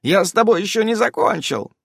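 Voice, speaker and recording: Storybook cat: a sly tomcat, high purrs and meows, dry sound. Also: male voice, expressive, fairly quick, gravelly, a bit bright, breathy edge, dry recording, exaggerated voice. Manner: high purring, meowing growl. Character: sly vengeful male house cat.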